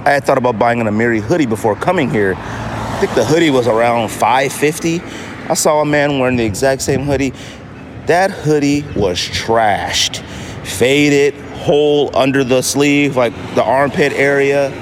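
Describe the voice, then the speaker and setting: Recorded outside on a noisy city street full of traffic, banging and street noise, an American podcast host speaks at a moderate pace in a mid-range voice. It's a casual solo monologue, with phrases repeated for emphasis.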